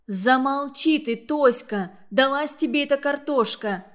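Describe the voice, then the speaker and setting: Woman reading a level-headed girl leader, firm, stern, storybook voice, slightly high. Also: a little slow.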